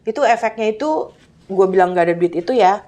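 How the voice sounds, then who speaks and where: A woman's voice: mid-range voice, brisk, mellow. A woman, casually telling a personal story and acting out dialogue with her child.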